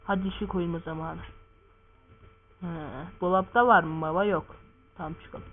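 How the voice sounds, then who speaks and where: A man's voice: high voice, steady tone, normal speed, slight background noise. A man giving casual gameplay commentary, full of crude swearing and joking banter. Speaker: gamer. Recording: tinny lo-fi recording.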